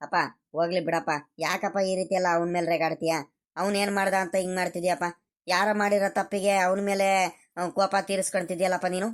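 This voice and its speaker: A woman voicing a gentle grown child of a village family in a cartoon, a peacemaker. She speaks in a pleading, soothing way, repeating her calls. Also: fairly low pitch, flat delivery, fairly quick, close to an everyday voice. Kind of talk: cartoon voice acting.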